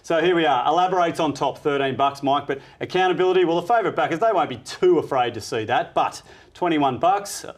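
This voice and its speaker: A man's voice: on the high side, fairly quick. An Australian man hosting a horse racing preview, reeling off odds and form like a betting tipster. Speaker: racing show host.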